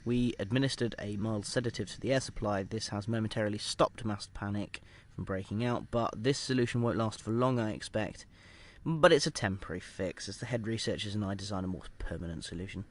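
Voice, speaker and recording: A man with a natural, somewhat low voice acts as a careful research scientist in an audio drama, dictating an experiment log clinically and formally while pausing hesitantly.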